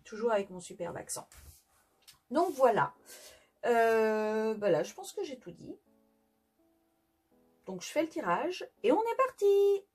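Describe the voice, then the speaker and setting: A woman's voice: on the high side, big pitch swings, unhurried, pauses often, darkish tone, husky. A French woman giving a casual tarot reading, chatty and hesitant with many fillers and restarts. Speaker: tarot reader. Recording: faint background music.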